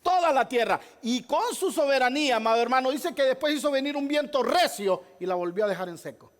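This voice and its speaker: A man's voice: very high voice, lively intonation, a little fast. A male pastor preaching a sermon, emphatic, firing rhetorical questions at the congregation and repeating key phrases. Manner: repeats key phrases, addresses listeners as brother.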